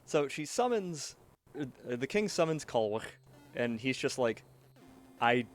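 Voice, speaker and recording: While streaming a game, a man casually tells a folk tale, joking around and frequently breaking off to react, distracted and interrupting himself. His medium-pitched voice swings widely in pitch at a measured pace, with faint music behind him.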